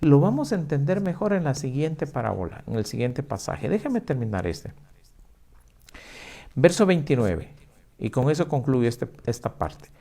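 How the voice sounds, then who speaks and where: In an emphatic sermon, a male pastor poses rhetorical questions and plays out his listeners' objections. His medium-pitched voice is mellow and sing-song, with vocal fry and a moderate pace.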